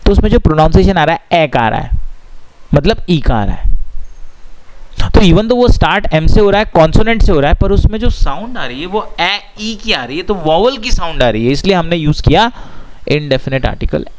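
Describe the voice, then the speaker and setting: A man's voice: a little high, lively intonation, low-quality recording. Patient Indian male grammar teacher. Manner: patient, asks and answers his own questions; reads English rules slowly and deliberately. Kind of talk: explanatory lesson mixing Hindi and English.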